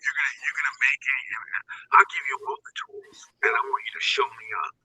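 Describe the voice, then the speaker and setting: A man's voice: fairly high pitch, huge pitch swings, brisk, whispered. A man hosting a casual livestream chat through a phone, his voice coming through a glitching mic that sounds hollow and tinny, like a tin can, as he rambles and restarts his sentences. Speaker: livestream host. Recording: lo-fi phone stream.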